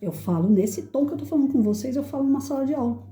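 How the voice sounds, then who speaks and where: Speaking quickly and expressively, this middle-aged educator addresses an audience in a reflective talk. Her firm, clear voice carries well and is very dark and mellow, the room lends it a roomy echo, and she occasionally voices quotes in a shrill, high pitch.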